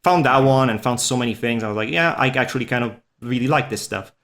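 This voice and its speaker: Fast and fairly bright, this mid-range male voice comes from a podcast guest who works as a furry artist. He's a non-native English speaker with a Swiss Italian accent whose first language is Italian. In a casual interview he chats easily, rambling and joking at his own expense.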